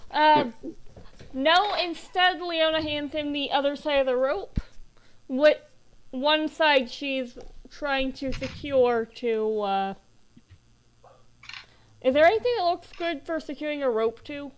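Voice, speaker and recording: A woman's voice: high-pitched, slow pace, pauses often, rough recording. A woman playing a tabletop game, casually narrating what her character does.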